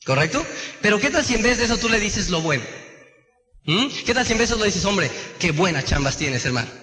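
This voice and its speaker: Bright high-voiced man in echoey hall. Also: expressive, fast. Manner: keeps asking the room "correct?". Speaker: business trainer. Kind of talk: motivational sales seminar talk. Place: lecture hall with an audience. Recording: echoey hall with long reverb.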